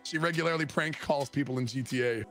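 A man's voice: a little high, quick pace, loud music behind the voice. A man co-hosting a game stream, laughing and bantering with friends. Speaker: streamer co-host. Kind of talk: casual chat during gameplay.

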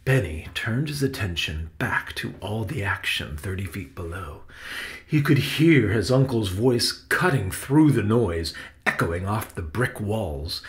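A man reading his own children's book aloud, with expressive, dramatic storytelling. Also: fairly low pitch. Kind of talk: audiobook narration.

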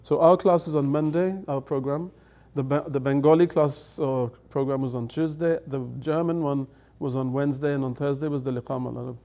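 His mid-range voice is mellow, fairly quick and fairly even in intonation, with few pauses. A middle-aged native English speaker serving as guest elder, he tells anecdotes in a chatty way at a table on a dark-curtained studio set, laughing and acting out quotes.

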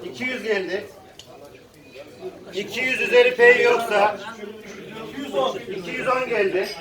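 With a very high voice and a measured pace, this man works as a live auctioneer from the Konya region of Turkey, chanting bid calls over and over. The echoey auction room holds an audience, and the distant mic also catches crowd chatter.

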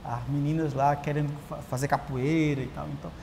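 Seated in a big, empty auditorium with a lapel mic, this Brazilian guest in his thirties, a writer and journalist, chats casually and animatedly, often starting sentences over. He speaks on the high side, fairly quickly, with a creaky edge, and the long reverb of the hall hangs behind a light hiss.

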